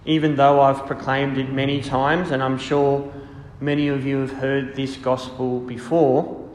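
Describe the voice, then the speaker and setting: A man speaking as a priest, reading scripture and preaching in a solemn, measured way in an echoing church. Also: medium pitch, level tone, a little hiss or hum. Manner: solemn, measured, deliberate phrasing. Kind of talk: liturgical reading and homily. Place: large reverberant church. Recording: echoey church with long cathedral-like reverb.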